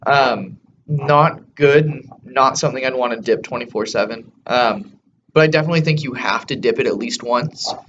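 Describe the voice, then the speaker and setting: A man's voice: medium pitch, normal speed, fairly bright tone. A man chatting casually as a co-host in a product review, blunt, crude and slangy, talking with a lip full of chewing tobacco. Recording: dull lo-fi audio with faint background noise.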